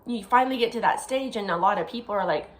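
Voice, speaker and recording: A woman co-hosting a casual chat, talking in an animated, chatty way and laughing often. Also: medium pitch, quick pace, a little hiss or hum. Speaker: co-host.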